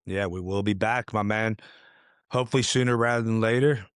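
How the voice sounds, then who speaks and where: Chill podcast host guy, kinda low voice, says "man" a lot, dry sound. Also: steady tone, fairly quick, clear, resonant tone, no room sound. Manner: laid-back, filler-heavy, says "you know" and "man" a lot. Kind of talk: casual interview chat.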